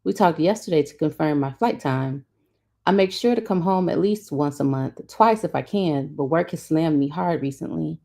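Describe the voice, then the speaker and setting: Low-voiced woman reading a novel aloud. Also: moderate pace, creaky, mellow. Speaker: reader.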